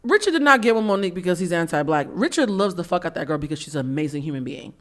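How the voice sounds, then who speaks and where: A woman in her thirties from the US East Coast, hosting a candid podcast conversation, blunt and animated, acting out quotes. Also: lowish voice, racing. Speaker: podcast host.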